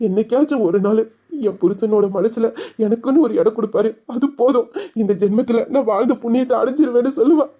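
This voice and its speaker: A man's voice: very high-pitched, quick pace, mellow, highs cut off. An actor playing a grieving brother who pleads emotionally for his sister's husband to show her love. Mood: pleading.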